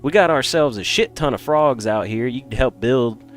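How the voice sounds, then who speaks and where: A man's voice: medium pitch, moderate pace, faint music behind, close to an everyday voice. A man voicing a folksy, drawling country guy in an exaggerated Southern accent. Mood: folksy, hammy.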